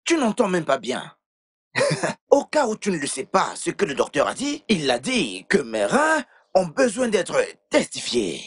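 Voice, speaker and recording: Pompous worker, male, played by a man: fussy, mocking, husky, wildly swinging pitch. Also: huge pitch swings, a little slow, no room sound, exaggerated voice. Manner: pompous, correcting others, laughing at them. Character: pompous young male house worker, fussy over big words. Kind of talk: dubbed film acting.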